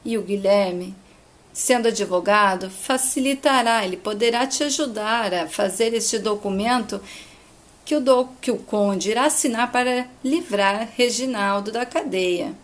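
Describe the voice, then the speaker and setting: A woman voicing a grave, quiet woman giving earnest advice. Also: a little high, a little slow, close to an everyday voice.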